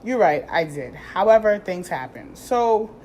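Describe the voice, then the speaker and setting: A woman in her thirties telling a casual, profane story in a vlog, animated and slangy, acting out what people said to her. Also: mid-range voice, measured pace, slight background noise. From New York. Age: 30s. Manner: animated, profane, slangy, acts out quoted dialogue. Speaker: vlogger.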